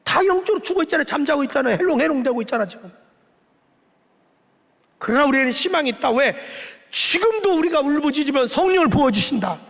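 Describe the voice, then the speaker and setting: A male pastor preaching with a very high, gravelly voice. His delivery is forceful and scolding, rising to shouts, and he acts out the Bible characters as he goes. The sound carries the long reverb of a church sanctuary. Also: animated, fast talker. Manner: scolding, emphatic preaching with shouted peaks and acted-out Bible dialogue. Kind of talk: sermon.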